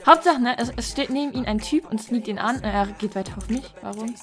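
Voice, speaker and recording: A woman hosting a casual game let's play over voice chat, excitable and teasing, laughing often. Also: on the high side, fast. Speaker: gaming channel host. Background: background music.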